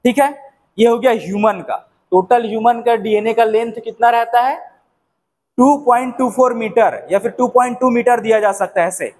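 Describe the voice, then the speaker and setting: Male biology teacher, very high voice, quizzes the class and answers himself. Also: normal speed, darkish tone. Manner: asks questions and answers them himself. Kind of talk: classroom-style lecture.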